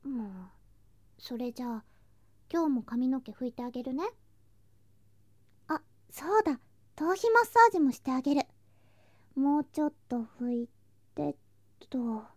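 Playing a sweet younger girl cousin in an ASMR roleplay aimed at the listener, this woman sounds caring and affectionate, coaxing softly and drifting into whispers and singsong. Her voice is high and expressive, measured in pace with frequent pauses. The studio sound is clean, with no room sound.

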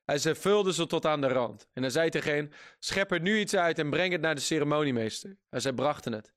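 A man preaching a sermon in a lively, emphatic way, reading scripture aloud and laughing often at his own jokes. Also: fairly high pitch, a little fast.

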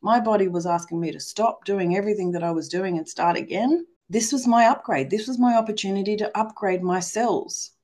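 A middle-aged woman from Australia chatting as a podcast guest, animated and acting out her inner voices. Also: mid-range voice, fairly quick, hardly any pauses. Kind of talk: casual spiritual chat.

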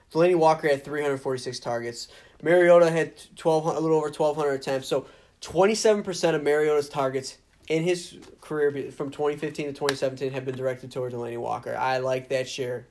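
Male co-host, slightly high voice, casual, stat-heavy football talk. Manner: stat-heavy, upbeat, with fillers and restarts. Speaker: podcast co-host. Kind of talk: casual fantasy football chat.

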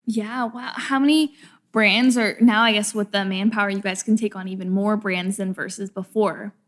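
A young woman from small-town Canada hosts a podcast interview. She sounds enthusiastic and chatty, using "like" often, with a mid-range pitch typical for a woman. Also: steady tone, normal speed. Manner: enthusiastic, chatty, says "like" a lot. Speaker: podcast host.

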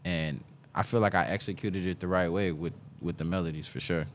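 A man with a very low voice, talking in a loose, rambling way as a guest on an interview show. He often repeats a phrase before moving on, and sounds relaxed. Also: a little fast, a little hiss or hum. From South Florida. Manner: laid-back, rambling, repeats himself. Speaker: guest musician. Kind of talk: casual interview talk.

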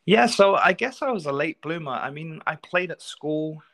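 Here the same North London football coach has a fairly high, gravelly, slightly bright voice with lively intonation at a moderate pace. As an interview guest he recounts stories casually, staying polite and thoughtful and dropping in frequent asides.

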